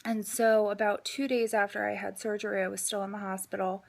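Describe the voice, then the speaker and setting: Female vlogger, casual personal update, halting delivery with drawn-out pauses, mid-range pitch. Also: flat delivery, vocal fry. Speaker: vlogger giving a health update.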